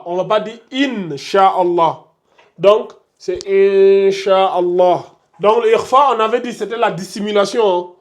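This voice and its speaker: This man speaks in a high voice, fairly quickly and with hardly any pauses. He is a Quran recitation teacher leading a lesson in a classroom with a board, patiently going over examples again and drawing out every sound he models.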